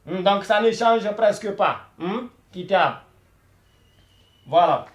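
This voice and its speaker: Male language teacher, high voice, echoey room, patient and repetitive with beginners. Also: normal speed. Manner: patient, repeats words many times, checks in with "hein?" and "voilà". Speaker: Arabic teacher.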